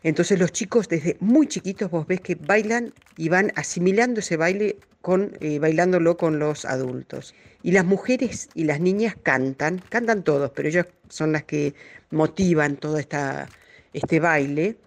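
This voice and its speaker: Woman talking music in an interview, earnest, explains things warmly. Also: low-pitched, measured pace. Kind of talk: conversational interview answers.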